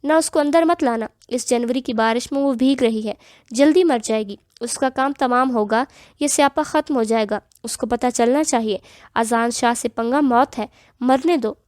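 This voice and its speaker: Bitter old grandmother, read by a woman narrator, clipped, forceful, high. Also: no room sound, clean studio sound, lightly acted.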